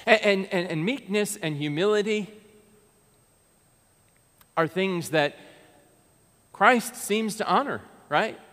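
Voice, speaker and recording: A high, animated and slightly bright male voice preaches slowly, pausing often. The speaker is an American pastor in his thirties giving a sermon from the pulpit of a large church, earnest and conversational, with frequent restarts. His pulpit mic is heard via a distant camera amid long church reverb.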